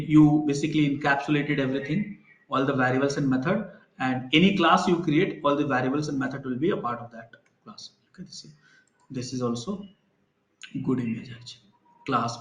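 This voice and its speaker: A man with a mid-range voice leads a live online programming lecture, his sound reverberant with the highs cut off. As an instructor, he relies on everyday examples to explain concepts and pauses to check on his students.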